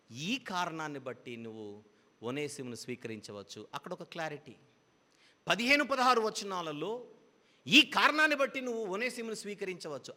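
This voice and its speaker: A man's voice: on the high side, bright, forceful tone, long reverb tail. A man preaching a Bible teaching sermon, explaining patiently with repeated parallel phrases.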